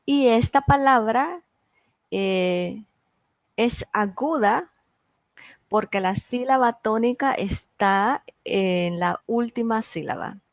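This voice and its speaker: Woman teacher going super slow, stretching every word out clear, dry close sound. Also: on the high side, dry recording. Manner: slow, carefully enunciated word drills. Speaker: Spanish teacher. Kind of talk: online class teaching.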